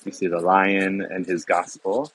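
A man's voice: deep voice, level tone, a little slow, fairly bright tone, a little hiss or hum, poor audio. A man giving a casual walking tour outdoors, talking in a loose, chatty way with many fillers and restarts, recorded on a handheld camera. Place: outdoors on city streets and in a garden. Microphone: handheld phone camera, speaker off screen.

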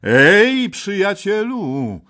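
A man's voice: fairly low pitch, expressive, unhurried, slightly rough, voice pushed up. Guy doing a stern sad king giving orders, audiobook. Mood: defiant. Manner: solemn, commanding. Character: grieving stern old male king.

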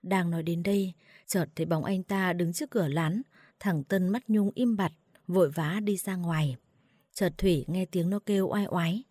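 Woman narrator for late-night sad stories; low, dry, mournful delivery. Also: moderate pace, dark tone, dry recording. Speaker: storyteller.

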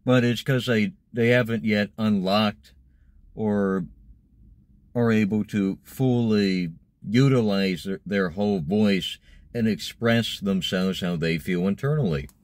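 Sitting in a parked car, a young man discusses voice acting in a casual, explanatory vlog to camera, speaking slowly in a fairly low voice. The recording is dry.

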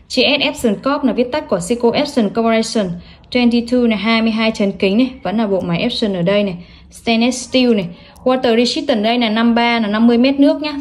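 A woman gives a salesy online product pitch at a brisk, rapid clip. Her voice sits a little high. She lists specifications and prices and keeps stressing selling points with emphatic praise. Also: a little mellow. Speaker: online watch seller presenting products. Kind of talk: sales product showcase, listing specs and prices.

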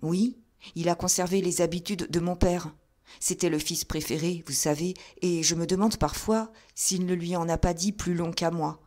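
A fretful, fussy gentleman, voiced by a woman reading an audiobook. He talks in a raised, higher register, insistent and uneasy. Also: fairly even intonation, normal speed, natural voice. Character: nervous fussy gentleman of means.

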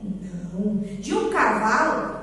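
A woman's voice: medium pitch, sing-song, slow, fairly bright tone, recorded from a distance, slight background noise. A Brazilian woman teaching preschoolers in a coaxing, sing-song manner, asking questions and answering them herself. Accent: Brazilian Portuguese. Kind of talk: recorded remote lesson for young children. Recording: echoey room, voice from off-mic.

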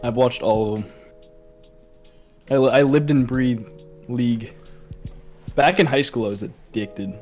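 A man's voice: medium pitch, unhurried, pauses often, darkish tone, soft background music. A man chatting casually about the games he plays, easygoing and talkative. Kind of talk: casual gaming chat.

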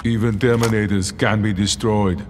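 Game casting: a man voicing a smooth, too-even android killer with a lowish voice, flat and clipped, heard over noisy game audio. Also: moderate pace, natural voice. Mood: cold. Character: emotionless male cyborg killing machine. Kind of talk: video game dialogue.

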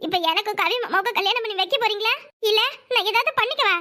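A woman's voice: extremely high pitch, quick pace, sharp tone. A woman voicing a stubborn, tearful young village woman in a cartoon, pleading and insisting she will not leave. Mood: insistent. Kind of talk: cartoon voice acting.

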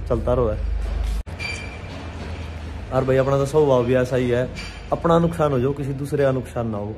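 A young adult man vlogs outdoors around a farmyard and a street, holding his phone at arm's length. His medium-pitched, mellow voice chats casually with viewers as he narrates.

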